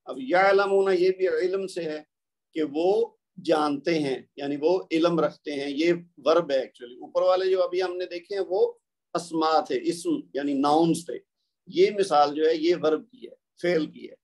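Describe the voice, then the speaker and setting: A man with a Pakistani Urdu accent giving a recorded tajweed lecture, patiently explaining word pairs and slowing down to contrast them. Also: a little high, animated, darkish tone. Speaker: Quran recitation teacher.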